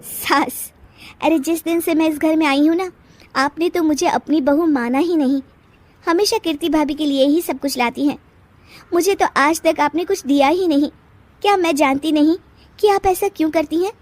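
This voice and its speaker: A woman voicing a feisty young wife in a cartoon story who talks back with indignant, quick retorts. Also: high-pitched, no room sound, voice pushed up, lightly acted. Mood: resentful.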